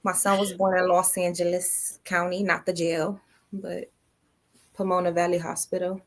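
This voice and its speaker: A woman's voice: lowish voice, little pitch movement, moderate pace. A woman hosting a podcast in loose, playful chat, slangy and swearing freely. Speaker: podcast host.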